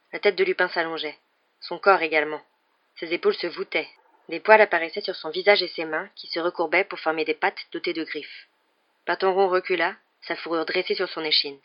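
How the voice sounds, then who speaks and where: An audiobook narrator reads a novel in a steady, dramatic manner. The voice is mid-pitched. The recording sounds slightly dull.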